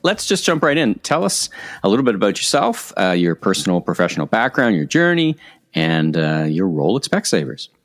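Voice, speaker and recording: A podcast host with a low-leaning, sing-song voice speaks fairly quickly. He shifts from a scripted introduction to conversational interview questions.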